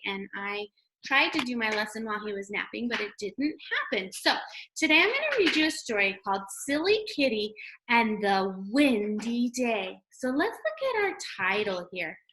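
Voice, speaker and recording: Recorded at home against a noisy background, a woman teacher reads aloud to young children. Her voice is a little high, and she keeps things simple, asks the kids questions, and sounds out letters.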